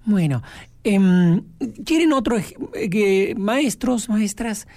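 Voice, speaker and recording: A woman radio host presenting songs to teachers, lively and expressive. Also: medium pitch, slow pace, no echo. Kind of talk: explanatory radio talk.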